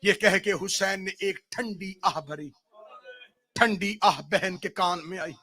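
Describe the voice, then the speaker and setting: A man with a high-set voice and a rough, gravelly edge gives a mournful religious sermon. His delivery is impassioned and tearful. It sinks to hushed, murmured lines and then climbs to loud, wailing cries. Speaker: religious orator.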